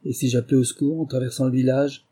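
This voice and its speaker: A man's voice: little pitch movement, mellow, husky, close to an everyday voice. A man doing a bitter captured spy. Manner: slow, low, deliberate and bitter. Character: furious captured male German spy.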